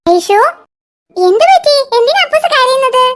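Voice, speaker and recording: A woman voicing a kindly, cheerful young aunt in a cartoon, bright and chuckling as she helps with a toddler. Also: very high-pitched, very animated, moderate pace, full character voice. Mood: concerned. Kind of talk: cartoon dialogue.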